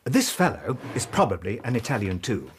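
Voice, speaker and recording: An actor playing a bluff, self-satisfied Victorian police inspector with an English accent and a husky voice, in a radio drama. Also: male voice, lowish voice, sing-song, fairly quick, background noise. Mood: pompous, explanatory. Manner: blunt, pompous.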